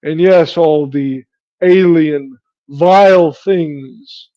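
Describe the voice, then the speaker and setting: A man playing a grave, resolute male leader in a tabletop game, with measured delivery. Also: a little high, lo-fi sound.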